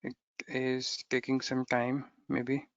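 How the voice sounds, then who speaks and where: A man's voice: medium pitch, completely flat delivery, slow, clean tone, no room sound, lo-fi sound. A man teaching a coding tutorial step by step, often checking in with "okay?", in non-native English phrasing. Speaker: programming instructor. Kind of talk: screen-recorded coding tutorial.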